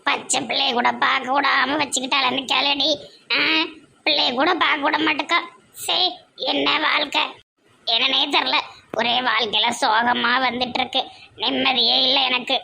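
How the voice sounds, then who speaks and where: A woman's voice: sits high, steady tone, normal speed, gravelly, pushed and bright, slight background noise, full character voice. A woman voicing a fretful village mother. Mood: self-pitying. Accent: Tirunelveli Tamil. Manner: plaintive, complaining. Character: lonely middle-aged village mother, fretful, self-pitying.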